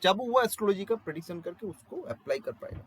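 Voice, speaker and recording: A fast-talking man with a husky, high-pitched voice and big pitch swings is heard on a low-quality recording. Teaching astrology in Hindi with a Bengali accent, he drops in English phrases and explains with rhetorical questions and examples from daily life.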